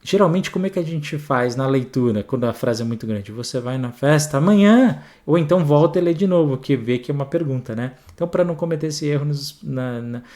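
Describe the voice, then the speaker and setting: With a Brazilian Portuguese accent, a man gives an exam grammar lesson in a chatty, animated way, frequently checking in with his students. His voice sits a little high, and he talks quickly with hardly any pauses.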